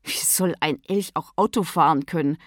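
A woman's voice: low-pitched, moderate pace, dry recording, clean studio sound, close to an everyday voice. A woman voicing an irritable, prickly woman driver who talks back indignantly, in a storybook reading. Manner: snappish, indignant.

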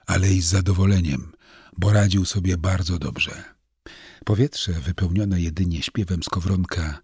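Deep, gravelly male audiobook narrator. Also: no room sound, clean studio sound.

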